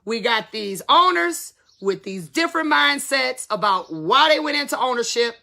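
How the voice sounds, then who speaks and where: A woman in her fifties talks straight to her viewers about running a salon, candid and emphatic, full of casual slang. Her voice sits a little high and sounds bright and forceful. A gravelly fry runs under many of her words. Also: animated, moderate pace. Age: 50s. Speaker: salon business educator.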